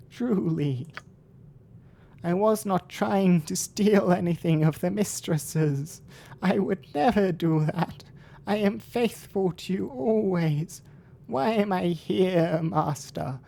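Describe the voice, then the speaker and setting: A man voicing a frightened, pleading servant creature from a fantasy game, with a quavering, bleating goat-like voice and drawn-out words. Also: high voice, vocal fry, warm tone, pitched above the performer's own voice, full character voice.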